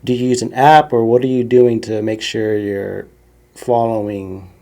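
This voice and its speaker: A man hosts a podcast in a low voice with a lot of vocal fry. His tone is dark and mellow. He chats in an easygoing way and often lets his phrases fade softly. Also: a little slow. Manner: relaxed, trails off softly at phrase ends. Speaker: podcast host. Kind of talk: casual interview chat.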